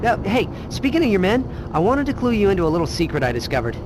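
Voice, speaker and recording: A man's voice: high-pitched, sing-song, fast talker, noisy background. A man playing a cocky, playful young superhero in a video game, quippy, sarcastic and chatty. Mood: mocking, cheeky. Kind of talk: video game cutscene voice acting. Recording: loud music over the voice.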